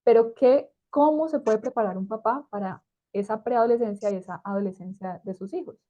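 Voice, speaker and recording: Mellow-voiced woman hosting a podcast. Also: a little high, fairly quick, dull audio. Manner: asks long, winding questions. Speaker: podcast host. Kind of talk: podcast interview.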